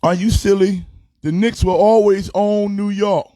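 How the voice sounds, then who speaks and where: A man in his forties, a pastor hosting a casual sports talk show, animated and trash-talking as he speaks straight to fans and players. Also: high voice, measured pace, no room sound, studio quality. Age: 40s. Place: his home sports studio.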